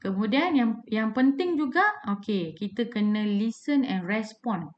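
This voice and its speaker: A woman's voice: a little high, animated, unhurried, dull audio, a little hiss or hum. A Malaysian woman lecturer giving a casual lecture, chatty with many fillers and English terms mixed in.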